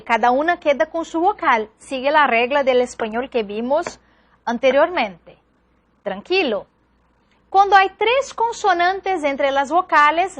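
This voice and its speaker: High-voiced woman teaching slowly. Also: a bit bright. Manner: patient, checks in with repeated reassurances. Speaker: language teacher. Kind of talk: classroom lecture.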